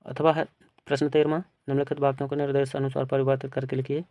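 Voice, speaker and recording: A male teacher working through an exam paper, reading each question aloud and then giving its answer in a plain, steady way. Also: mid-range voice, fast talker, no room sound, dull audio. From India.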